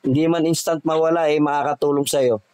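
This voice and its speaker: A man guides someone through a healing session in a firm, commanding tone, asking the same short questions again and again. His voice sits a little high. The sound is dry, with no room around it. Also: fairly even intonation, brisk, darkish tone, clean tone, dry recording, low-quality recording. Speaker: faith healer.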